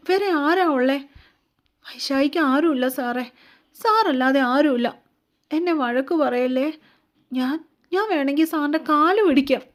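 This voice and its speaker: A woman voicing a timid young woman who pleads in halting, broken words through tears, in a romance audio story. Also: fairly high pitch, natural voice. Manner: halting, broken, sobbing pleas.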